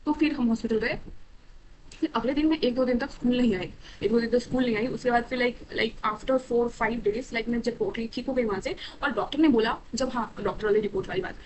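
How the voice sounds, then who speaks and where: A young woman telling a personal story to camera, animated and quick, mixing in English phrases with frequent fillers. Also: on the high side, background noise. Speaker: storytime vlogger. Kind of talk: casual storytelling.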